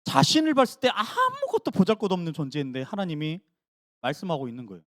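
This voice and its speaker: A man's voice: high voice, fast, no echo, studio quality. A man preaching a sermon as pastor, asking the congregation questions and acting out the voices of biblical figures. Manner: animated preacher acting out voices of Gideon and God. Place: church sanctuary.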